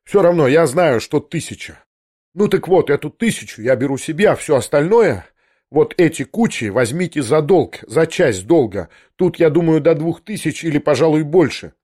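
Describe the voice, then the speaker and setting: A man's voice: a little high, moderate pace. A man voicing a proud young man in an audiobook, talking in a breathless, agitated, trembling way. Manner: excited, breathless and pleading. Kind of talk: audiobook character reading.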